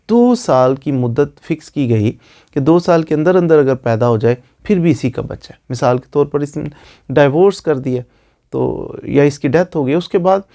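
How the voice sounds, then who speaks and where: A lawyer with a Pakistani accent gives an informal online explainer about the law, repeating phrases to drive his points home. His mid-range voice is creaky and dark in tone.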